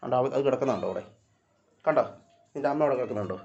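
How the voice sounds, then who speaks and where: A man filming a casual vlog, talking to his cats, coaxing them and now and then scolding them in loud, high calls. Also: rapid-fire, highs cut off, a little hiss or hum. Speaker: vlogger. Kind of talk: casual vlog talk to camera and pets.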